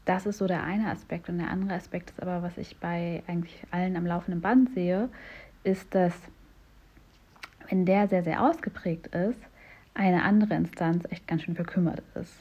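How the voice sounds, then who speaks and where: Female coach, breathy tone, encouraging and personal, muffled lo-fi sound. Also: on the low side, fairly even intonation, moderate pace. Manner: warm, encouraging, speaks directly to the listener. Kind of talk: coaching talk to listeners.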